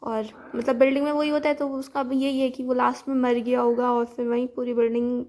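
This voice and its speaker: High, flat-voiced woman retelling a film. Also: a little fast. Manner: chatty, many fillers, mixes in English words. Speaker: movie recap narrator. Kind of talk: casual movie plot retelling.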